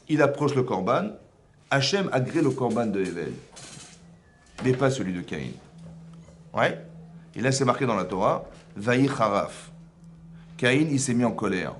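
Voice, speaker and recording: A man teaching a religious class, animated, asking many rhetorical questions. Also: medium pitch, slight background noise. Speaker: rabbi teaching a women's class. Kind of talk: religious lecture.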